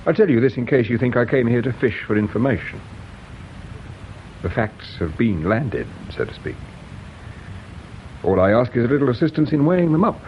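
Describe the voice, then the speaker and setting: An actor playing a patient provincial police inspector who questions people gently and measuredly in a radio drama. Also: male voice, mid-range voice, sing-song, a little hiss or hum, lightly acted. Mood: probing. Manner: measured, gently probing, hesitates with "uh". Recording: dull lo-fi radio recording.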